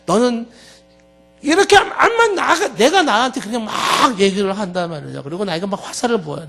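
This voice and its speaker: A male pastor preaching a Wednesday sermon, animated and joking, acting out little scenes. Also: sits high, gravelly. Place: church sanctuary.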